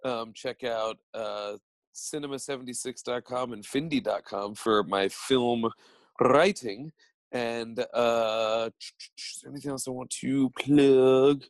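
A man's voice: medium pitch, slow pace, no room sound. A man co-hosting a podcast, talking earnestly in casual chat, often restarting his sentences. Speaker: podcast co-host.

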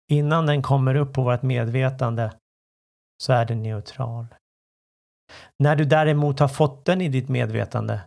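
Coach guy doing a reflective solo podcast, kinda gravelly, mid pitch, talks right to you. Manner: calm, reflective, addresses the listener directly. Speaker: life coach and podcast host. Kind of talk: solo self-help podcast monologue.

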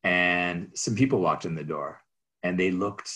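A man who works as a real estate agent, telling rambling, animated stories about his career in an interview. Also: low voice, unhurried. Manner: rambling, restarts, animated anecdotes. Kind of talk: storytelling in an interview.

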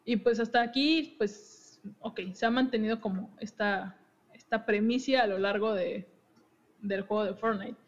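Speaking a little slowly in a medium pitch, a young woman hosts a podcast about game lore in a relaxed way. She giggles a lot, chatters, and breaks off mid-thought to begin again. The recording quality is dull and lo-fi.

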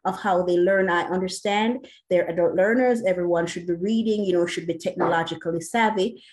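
Speaking a little fast in a fairly low, darkish voice, a Jamaican-accented woman responds to an interview question. She is an educator and academic, and her answer is earnest and passionate, sprinkled with many "you know" fillers.

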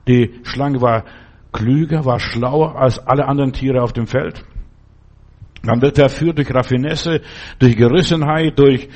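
A man's voice: medium pitch, unhurried, darkish tone. An older man preaching a sermon, earnest and exhorting, repeating his warnings and often restarting words.

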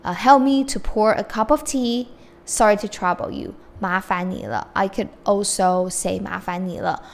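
A woman whose first language is Mandarin Chinese teaches Chinese phrases in a casual lesson as a Chinese teacher and podcast host. She alternates between explaining in English and modeling Chinese phrases slowly, in a creaky, mid-range voice.

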